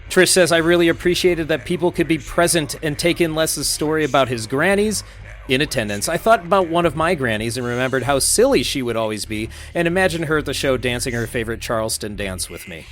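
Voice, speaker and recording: A man co-hosting a casual podcast, reading listener messages aloud in an upbeat, animated way. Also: fairly high pitch, fairly quick. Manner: upbeat, reads quotes aloud with animated emphasis.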